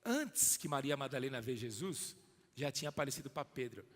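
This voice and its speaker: A man preaching a sermon emphatically in a church, calling on listeners by name and swinging from loud to hushed. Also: medium pitch, lively intonation, fairly quick, big-room sound. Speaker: pastor.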